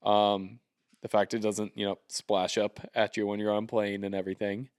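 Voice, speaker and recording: A man's voice: on the low side, flat delivery, moderate pace, smooth. A young man hosting a casual podcast, rambling and joking, with lots of ums and likes, talking into a handheld mic. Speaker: podcast host. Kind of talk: casual chat. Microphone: handheld karaoke-style mic.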